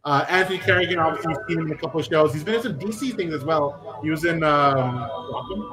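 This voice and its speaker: A young man hosts a relaxed movie chat on a live stream. His voice sits a little high, and he talks in a loose, joking way with plenty of fillers. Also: quick pace, over music. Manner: chatty, joking, many fillers. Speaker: podcast host.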